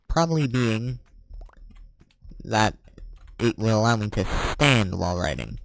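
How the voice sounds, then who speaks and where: A teenage boy chatting casually while playing a game, rambling and correcting himself as he answers quick questions. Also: lowish voice. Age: teens. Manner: rambling, self-correcting, chuckling. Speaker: gaming vlogger.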